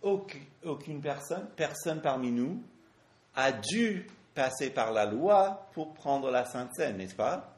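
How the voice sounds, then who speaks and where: A man preaching a sermon in French, pausing often for an interpreter and asking rhetorical questions. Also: medium pitch, expressive, roomy sound.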